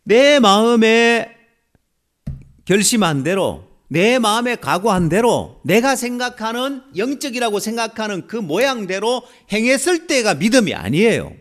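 A man's voice: high voice, sing-song, normal speed, hardly any pauses. A man preaching a sermon, acting out the voices of biblical figures as he goes. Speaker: pastor.

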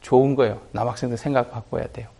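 A man's voice: medium pitch, steady tone, very fast, gravelly, mellow. A middle-aged man, a pastor and school principal, preaching with stories and acting out the voices of students in dialogue. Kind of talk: sermon with storytelling.

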